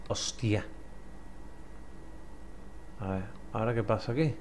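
Cursing Spanish gamer talking to himself. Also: male voice, on the low side, slow, slight background noise. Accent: Spanish from Spain. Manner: swears a lot, mutters to himself, bursts into frustrated yells. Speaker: gameplay commentator. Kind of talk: let's play commentary.

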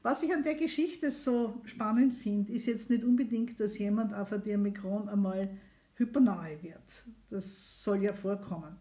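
A woman's voice: mid-range voice, moderate pace, mellow. A middle-aged woman doctor, hosting a live phone consultation stream in a chatty, encouraging way. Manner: chatty and encouraging, inviting viewers to call. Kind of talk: casual live stream talk.

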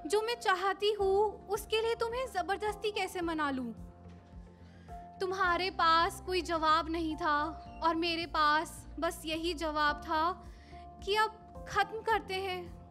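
A young woman reads her poem on a small open-mic stage in a cafe, speaking slowly and wistfully into a stand mic. Her voice sits very high and sounds bright and clear. Soft music plays faintly under her words. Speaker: poet. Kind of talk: spoken word poetry recital. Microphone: handheld mic on a stand.

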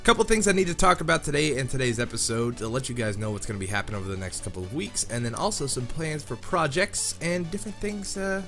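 A young Minecraft YouTuber with a head cold gives casual commentary over gameplay, his mid-range voice nasal, scratchy, and a bit bright. He talks quickly and expressively with few pauses, rambling and chatty with lots of "um" and "like," recording in a room at home near his sleeping girlfriend as background music plays.

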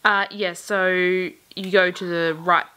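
A woman's voice: on the low side, level tone, slow, pushed and bright, clean tone. A woman co-hosting a casual toy unboxing, laughing often while she explains the instructions step by step. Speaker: toy review co-host.

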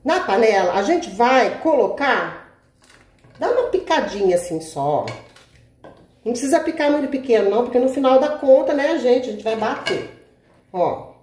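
A woman's voice: a little high, big pitch swings, moderate pace, a little mellow. Chatty woman cooking in an echoey kitchen. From Brazil. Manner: chatty, asks "tá?" constantly, addresses viewers as "gente". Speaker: cooking channel host. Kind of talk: casual cooking tutorial. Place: home kitchen, indoors. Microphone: camera mic, speaker off-camera.

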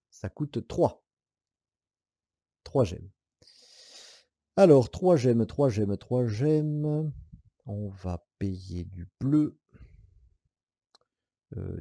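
In this solo board game playthrough tutorial, a man with a lowish, creaky, slightly rough voice explains the rules while thinking aloud, counting dice, and considering his moves. He sounds casual, using hesitant fillers and soft laughs, and the studio audio is clean with no echo.

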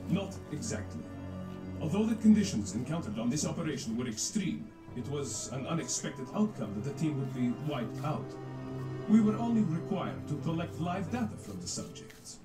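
An actor with a Russian accent playing a cold, scheming mercenary commander in a video game cutscene, calm and condescending. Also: male voice, a little high, normal speed. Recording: echoey game audio with music.

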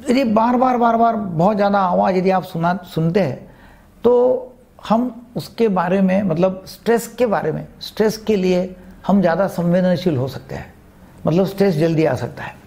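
Seated indoors before a green screen and wearing a lapel mic, an Indian psychiatrist explains health matters to camera, giving advice and mixing in English terms. His high voice is creaky and a little mellow at a moderate pace, and he emphatically repeats key phrases.

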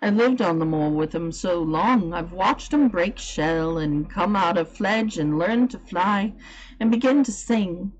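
A woman voicing a cheerful farm boy who talks to birds, in a broad with a gentle, friendly manner, in a storybook reading. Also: mid-range voice, rough recording.

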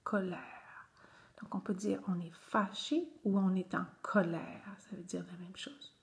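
A woman's voice: medium pitch, fairly even intonation, unhurried, vocal fry. A woman teacher, patiently guiding young children through a reading lesson and repeating each word several times.

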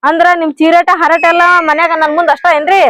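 A woman voicing a quick-tongued, nagging village wife in a cartoon comedy, scolding with a North Karnataka Kannada accent and rapid rhetorical questions. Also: very high-pitched, little pitch movement.

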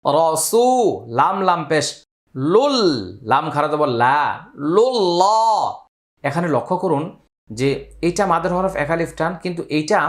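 Man teaching recitation, chanting slowly. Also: a little high, fairly bright tone. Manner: spells out letters and vowel marks, then chants words slowly and drawn out. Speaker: Quran teacher. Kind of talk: step-by-step recitation lesson.

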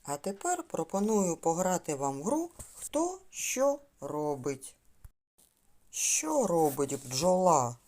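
Slow, sing-song woman teaching small children. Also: lowish voice, sing-song, darkish tone. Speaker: preschool speech teacher. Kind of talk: children's speech lesson.

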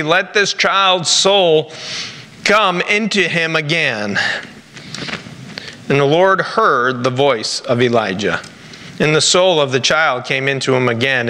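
Male pastor, Rhode Island accent, preaching with halting deliberate phrasing, bright forceful tone, slightly high voice, in an echoey church. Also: smooth. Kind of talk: sermon with scripture reading. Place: large church sanctuary, at a pulpit. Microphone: lapel mic. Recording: echoey church hall with background noise.

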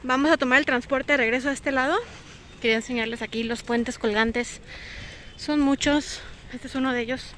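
Mexican woman vlogging, kinda high voice, chatty, says stuff twice, bit of hiss behind. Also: fairly even intonation, moderate pace, a bit bright. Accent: Mexican Spanish. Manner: chatty, repeats phrases for emphasis. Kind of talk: casual vlog chat.

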